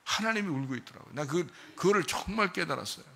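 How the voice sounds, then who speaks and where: Man, pastor, sermon, bright tone, gravelly edge, questioning the congregation. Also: fairly high pitch, animated, fast talker. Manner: asks the congregation many questions.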